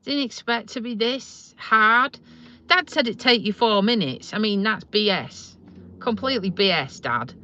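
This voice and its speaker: Streaming live from her parked car, a Lincolnshire woman with a faint Yorkshire lilt rambles casually to viewers, chatty and quick to poke fun at herself. Her medium-pitched voice is expressive, bright and forceful, a touch slow, and the sound is lo-fi.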